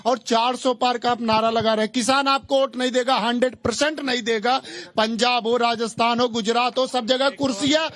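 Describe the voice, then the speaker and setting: A man's voice: very high voice, fairly even intonation, brisk, few pauses, a bit bright. A young man, a farmer's son, challenging the panel from the audience in a heated way. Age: young adult. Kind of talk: questioning from audience.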